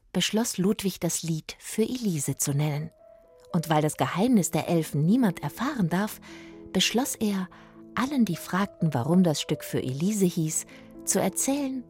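A woman reading a children's story aloud with lively expression. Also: fairly low pitch, moderate pace, soft background music. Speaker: story reader.

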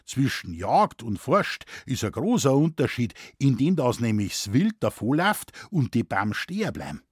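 A man voicing a gruff, deadpan old forest warden with a Bavarian accent, telling tall tales in dialect. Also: medium pitch, normal speed, no room sound, clean studio sound.

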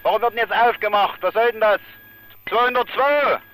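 A man's voice: sits high, a little fast, fairly bright tone, rough recording. A man making terse, urgent calls over a police radio, clipped and commanding. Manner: urgent, clipped, barking orders. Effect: police radio transmission.

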